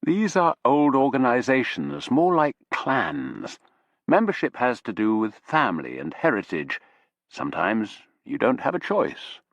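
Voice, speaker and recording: A man voicing a Corsican businessman in his fifties, with a Corsican accent and slow, deliberate explanations. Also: mid-range voice, huge pitch swings, vocal fry, no room sound, muffled recording, pitched above the performer's own voice, heavily acted. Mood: measured.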